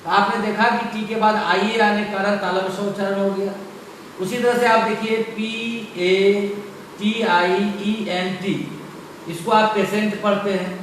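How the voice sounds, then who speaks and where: Slow, emphatic male teacher in echoey room. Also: sits high, level tone, fairly bright tone, slight background noise. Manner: slow, emphatic, repeats each rule. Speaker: English teacher. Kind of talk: classroom-style pronunciation lesson. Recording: far from the mic in a very echoey room, faint ambience.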